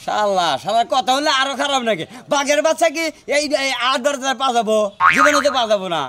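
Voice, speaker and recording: A rowdy man trading comic insults. His voice sits very high and runs quick. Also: lively intonation, pushed and bright. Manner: mocking and rowdy. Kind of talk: comic village banter.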